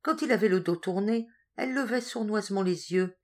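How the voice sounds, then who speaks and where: A woman narrating a literary story in a measured, expressive reading voice. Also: medium pitch. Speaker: audiobook reader. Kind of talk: scripted narration.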